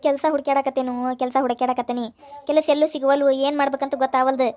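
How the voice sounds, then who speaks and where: A woman's voice: high-pitched, flat delivery, darkish tone, natural voice. A woman with a North Karnataka Kannada accent voicing a lovesick, tearful young village man in a cartoon. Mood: worried. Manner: pleading, emotional, fast. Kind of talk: cartoon voice acting.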